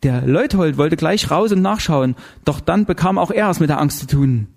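A man's voice: on the high side, lively intonation, moderate pace, vocal fry, darkish tone, pitched above the performer's own voice. A man reading an audiobook voices a frightened wife who tells of a terrifying night, tense and pleading. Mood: fearful. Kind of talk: audiobook character voice.

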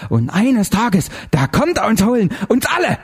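A man's voice: big pitch swings, normal speed, warm tone, slightly rough. A man reading an audiobook voices a hysterical, bloodied older woman who rants frantically about a demon. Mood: frantic. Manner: shrill, frantic, hissing. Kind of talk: audiobook character voice.

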